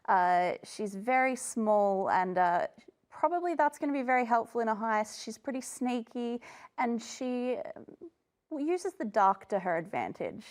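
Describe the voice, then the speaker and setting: Casual woman tabletop player, mid-range voice. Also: medium pitch.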